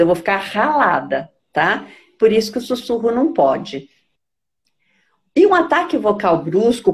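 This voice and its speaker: A woman's voice: mid-range voice, a little mellow. A woman from Brazil, a speech therapist, explaining health topics patiently and often checking that listeners follow. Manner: patient, didactic, checks understanding with "tá?". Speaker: speech therapist answering questions.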